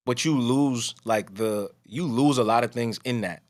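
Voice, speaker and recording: An unhurried, medium-pitched man talks loosely on his podcast. His voice is strong, and his casual conversation rambles, with many false starts and restarts.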